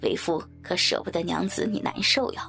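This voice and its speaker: A woman's voice: fairly low pitch, fairly quick, vocal fry, a bit bright, faint music behind, voice pushed down. A woman voicing a smug, scheming young male swordsman who sneers and teases. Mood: mocking. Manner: sneering, teasing.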